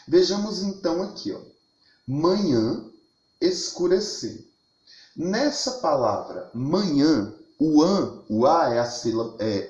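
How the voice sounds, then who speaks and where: A man gives a recorded lesson in a mid-pitched voice. He explains each point step by step, often repeating and restarting his phrases. The sound has a noticeable room echo. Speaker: teacher.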